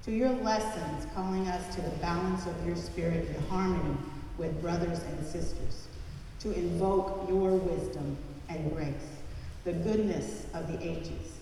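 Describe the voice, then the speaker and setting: A woman leads a recited prayer at a church service, using a solemn, chanted cadence with repeated refrains. Her voice is on the low side, gravelly and mellow, a little slow, with fairly even intonation. A distant mic in a large church picks up cavernous reverb and a little hiss or hum.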